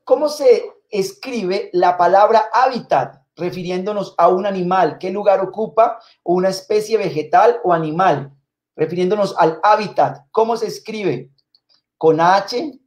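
A man hosting a live-streamed spelling trivia. He reads out viewer comments and names and thanks people warmly, with many fillers and repeated words. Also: high voice, expressive, unhurried. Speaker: live quiz host.

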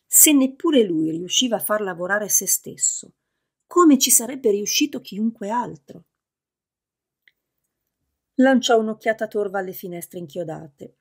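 A woman narrating a novel as an audiobook in a steady, measured reading. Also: mid-range voice, breathy edge.

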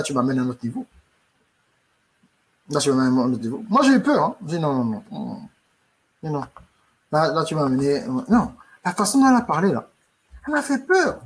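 A man from Africa, working as a life coach, tells a comic story, acting out the scenes and repeating himself for emphasis. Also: fairly high pitch. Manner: animated, repeats "no no no", acts out scenes.

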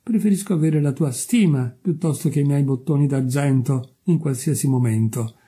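Man doing a sweet simple little gardener guy, higher voice, eager and grateful, kinda husky. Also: moderate pace, mellow, natural voice.

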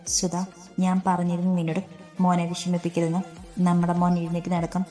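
A worried father comforts his wife in a low, flat, mellow voice, read by a woman narrator. He sounds calm and reassuring in this storybook reading, with faint music underneath. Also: a little fast, natural voice. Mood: consoling.

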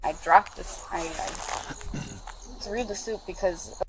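A young woman talking to police outdoors, halting and distressed, caught on a body camera. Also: mid-range voice. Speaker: person being questioned by police. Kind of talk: bodycam footage. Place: outdoors in a yard. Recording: noisy bodycam audio outdoors.

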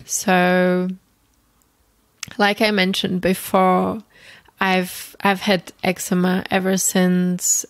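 A Czech woman in her thirties with a Czech accent, hosting a podcast and telling her personal story in a reflective, gentle way, often restarting and repeating phrases. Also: fairly low pitch, vocal fry, no echo. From Czech Republic. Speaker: podcast host.

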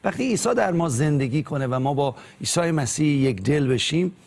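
Earnest young man with a gravelly voice. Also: fairly high pitch, lively intonation, a little mellow. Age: 20s. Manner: earnest, hesitant with fillers.

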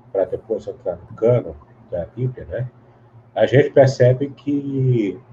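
Here a guest Bible scholar speaks in a mellow, medium-pitched voice, giving long teacherly explanations during an interview. He leans on tag questions and often restarts his sentences. Faint hiss runs under the dull, lo-fi audio.

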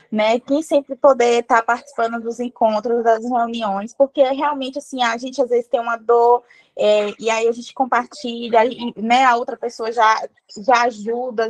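A woman's voice: fairly high pitch, fairly even intonation, normal speed, poor audio. Rambling woman student. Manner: warm, rambling, many fillers. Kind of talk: grateful testimony on a video call. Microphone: video call.

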